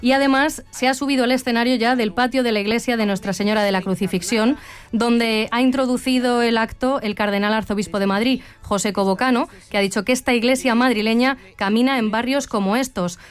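Female live reporter, brisk, slightly high. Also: fairly even intonation, smooth. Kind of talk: live news commentary.

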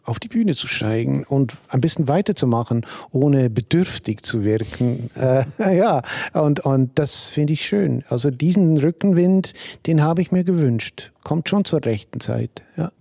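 A man's voice: medium pitch, expressive, measured pace, creaky, hardly any pauses, warm tone, no echo, studio quality. A man in his sixties from Switzerland, with a mixed Swiss German accent, answering radio interview questions in a reflective, hesitant way with many restarts. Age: 60s. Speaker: cabaret songwriter, interview guest.

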